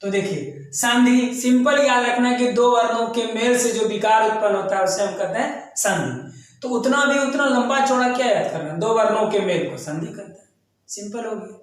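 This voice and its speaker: A man's voice: sits high, moderate pace. A man teaching an exam coaching lesson, repeating key terms and chanting them in lists. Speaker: grammar teacher. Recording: very echoey room.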